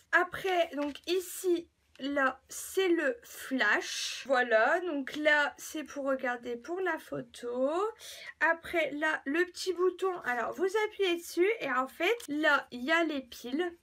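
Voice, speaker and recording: A young woman with a high voice shows off a gadget in a chatty home vlog. She talks in a hesitant way, full of fillers and restarts. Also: a bit bright. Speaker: beauty vlogger. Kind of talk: casual product demo.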